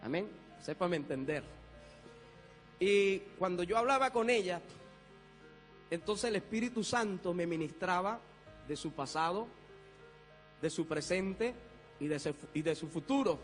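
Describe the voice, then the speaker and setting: A man's voice: high voice, animated, a little slow, pauses often, long reverb tail, faint music behind. A man, a pastor, giving a fervent church testimony, laughing often and sprinkling his talk with amens.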